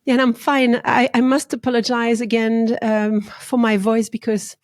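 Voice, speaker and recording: A woman hosting an interview podcast, hoarse from being ill, polite and hesitant with many pauses and fillers. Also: on the high side, flat delivery, no room sound. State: hoarse from illness. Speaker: podcast host.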